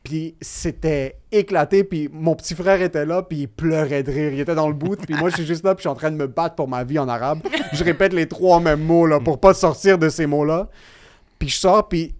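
A man with a Québécois accent, a comedian guest telling animated, self-mocking stories in casual podcast chat, swearing often. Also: fairly high pitch, brisk. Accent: Québécois French. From Quebec.

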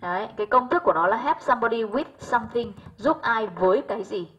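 A woman's voice: a little high, lively intonation, a little fast, fairly bright tone, slightly rough, muffled recording. A Vietnamese-speaking woman teaching English, working through exam answers one by one in a patient voice and often asking whether students follow. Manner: patient, checks understanding with frequent "right?".

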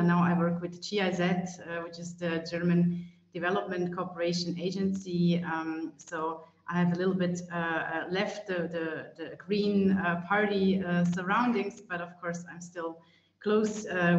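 A woman presents to a webinar over a video call, her pitch staying flat and narrow. She speaks hesitantly, with many "uh" fillers and restarts. The audio is roomy and echoey, with a dull, muffled tone. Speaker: panel speaker, climate expert.

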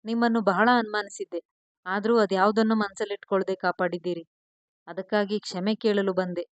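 A woman's voice: mid-range voice, little pitch movement, fairly quick, no room sound, close to an everyday voice. Brief: tearful, apologetic young woman in a storybook reading, read by a woman. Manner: pleading, apologetic.

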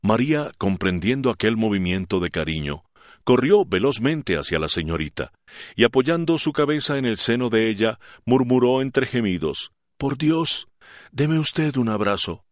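A man reading a classic novel aloud as an audiobook narrator, in an expressive, dramatic way. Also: fairly low pitch, normal speed, no echo, studio quality.

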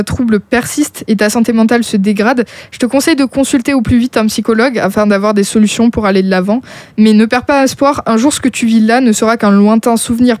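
A woman podcast host speaks in a chatty, reassuring way, talking straight to the listener. Her voice sits a little high. The recording is dry and close, with no room sound. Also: a little mellow, no room sound. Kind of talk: casual advice podcast.

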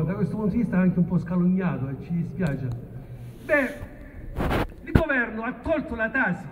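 Booming high-pitched Salento man making a political speech. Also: phone-quality sound. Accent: southern Italian, Salento. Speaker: local politician addressing a rally. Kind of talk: political speech at an outdoor rally. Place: open town square at night, far from the camera. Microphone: distant phone camera picking up the speech. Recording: echoey, distant, noisy outdoor phone recording.

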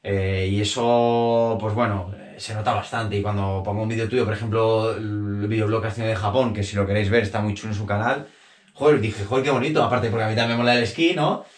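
A Spanish man in his thirties chats quickly and animatedly, piling on fillers and restarts as he hosts a relaxed interview. He sits on a sofa in a small room, picked up by a camera a few feet away, and the walls give his voice a noticeable echo. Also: fairly low pitch. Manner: chatty, animated, gesturing with hands, many fillers and restarts. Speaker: interviewer, channel host. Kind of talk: casual sit-down interview. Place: small bedroom sitting on a sofa. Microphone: camera on a tripod a few feet away.

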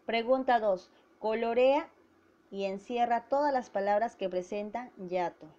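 A woman teacher giving a grammar lesson to schoolchildren, slowly spelling out syllables. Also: a little high, dark tone. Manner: slow and deliberate, spelling out syllables. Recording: dull lo-fi recording.

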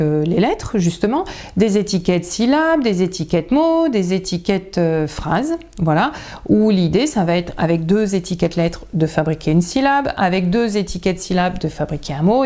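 A woman teaching parents in a casual video lesson, her voice warm and soft-edged at an ordinary middle pitch. She explains patiently and chattily, pausing with frequent fillers as she talks straight to the camera. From France.

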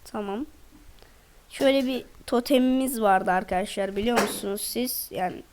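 A woman's voice: a little high, normal speed, darkish tone. A woman chatting casually to viewers over gameplay, constantly addressing them as she plays. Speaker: gaming channel host.

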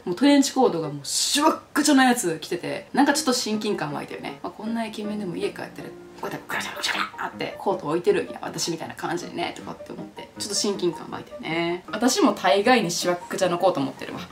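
A young woman with a Kansai accent, chatting casually and teasingly while reading viewer stories aloud. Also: fairly low pitch. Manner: chatty, teasing, frequent laughter. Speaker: YouTuber.

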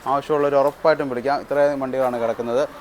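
A man's voice: medium pitch, fairly even intonation, fast, crowd noise. A man with a Kerala Malayalam accent who mixes English words into his Malayalam, hosting in a casual interviewing style and echoing what he is told. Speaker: vlog host. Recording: noisy outdoor vehicle yard.

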